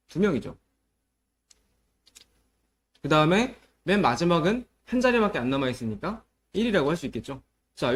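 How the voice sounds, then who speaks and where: Brief: male math tutor, a bit higher voice, lively swinging delivery, keeps asking "got it?". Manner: explains step by step and checks understanding with repeated questions; mixes polite speech with casual speech to students. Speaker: middle school math teacher. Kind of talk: classroom math lesson.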